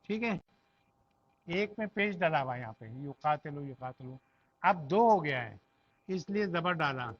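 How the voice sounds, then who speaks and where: A man from Pakistan teaching an Arabic grammar class, repeating each word slowly for students to say back. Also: on the high side, expressive, no room sound. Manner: slow and repetitive, drilling words aloud. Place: mosque classroom. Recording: dull lo-fi sound.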